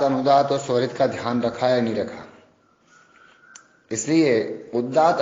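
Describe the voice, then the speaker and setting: A man teaches Sanskrit grammar, setting out each term with deliberate pauses. He speaks at an unhurried pace. The recording is roomy, with a long echo and a dull, muffled tone. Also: medium pitch, darkish tone. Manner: slow, explanatory, pauses between terms. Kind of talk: classroom lecture.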